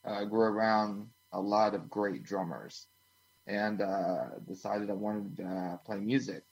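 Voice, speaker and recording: A man's voice: lowish voice, a little slow, vocal fry, breathy edge, rough recording. A man from Washington, D.C., a band drummer and interview guest, answering casually with many uhs between phrases. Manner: relaxed, filler-heavy, uh between phrases.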